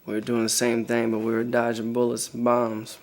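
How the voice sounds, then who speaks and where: An actor playing a young soldier telling a wild story, profane and swaggering. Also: male voice, mid-range voice, completely flat delivery, fairly quick, close to an everyday voice. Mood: brash. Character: brash young male soldier, reckless storyteller. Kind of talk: dramatic monologue.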